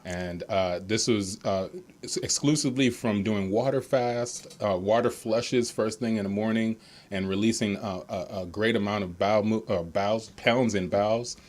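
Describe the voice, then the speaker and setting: A man, a guest coach, answering interview questions slowly with many hesitations. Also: lowish voice, a little mellow. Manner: slow, hesitant, many fillers.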